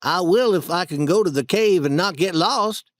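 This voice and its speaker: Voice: medium pitch, normal speed, dry recording, voice pushed up, lightly acted. A storybook reader voicing a timid, superstitious boy who speaks hesitantly and nervously.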